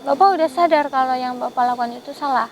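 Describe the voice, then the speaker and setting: A woman investigating the paranormal, who pleads gently and keeps addressing the man she is talking to with a polite title. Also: high-pitched, quick pace, a little hiss or hum, poor audio. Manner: gently pleading, repeats "Pak" often. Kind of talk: vlog. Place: outdoors in a forest at night.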